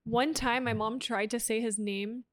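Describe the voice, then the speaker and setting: A young woman with a bright, high voice chats casually as a podcast co-host. She tells stories with plenty of "like" and laughs often. Her delivery is loose and conversational. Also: fairly even intonation, a little slow. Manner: giggly, storytelling, heavy on "like". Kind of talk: casual chat.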